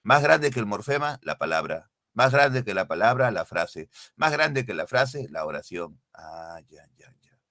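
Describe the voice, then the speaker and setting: A man teaches an online lesson over a computer mic, drilling definitions and firing exam-style questions at his students. His voice is bright and forward, with a pitch that rises and falls widely. The sound is dry and close, with no room echo. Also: big pitch swings, a little slow. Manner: repeats key definitions, quizzes students directly. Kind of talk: online exam-prep class. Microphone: computer mic, screen sharing.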